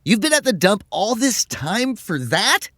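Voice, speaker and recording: A man's voice: high voice, sing-song, measured pace, a bit bright, dry recording, studio quality, pitched above the performer's own voice, full character voice. A man voicing a bored, dismissive teenage boy gamer who mutters sarcastically. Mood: mocking.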